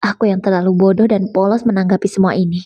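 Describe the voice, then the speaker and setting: A woman's voice: medium pitch, steady tone, fast talker, mellow, breathy edge, no room sound, muffled recording, close to an everyday voice. A woman voicing a heartbroken young wife whose voice trembles near tears. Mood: hurt.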